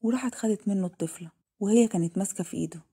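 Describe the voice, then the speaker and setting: A woman's voice: medium pitch, dark tone, breathy edge. A woman with an Egyptian Arabic accent narrating a dramatic story. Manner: rapid, plain reading.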